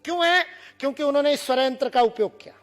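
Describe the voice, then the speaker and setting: A man's voice: extremely high pitch, quick pace, soft background music. A man from India lecturing to students, demonstrating sounds and teasing the audience with humor.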